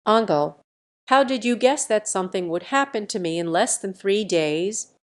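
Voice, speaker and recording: A woman's voice: medium pitch, animated, moderate pace, close to an everyday voice. A woman reading the lines of a weak, confused eighteen-year-old young man in an audio story, asking bewildered, pleading questions.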